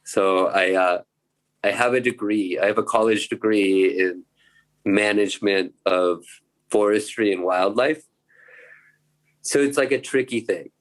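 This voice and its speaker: A man's voice: lowish voice, measured pace, pauses often, low-quality recording. Rambling American man in his thirties. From United States. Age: 30s. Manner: rambling, swears casually, many fillers. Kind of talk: casual chat.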